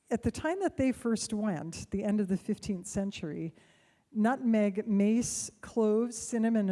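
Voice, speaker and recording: A middle-aged woman from the United States shares a personal story on stage, microphone in hand, to an audience. Her medium-pitched voice is mellow and dark in tone, and she takes her time, speaking conversationally and laughing softly now and then.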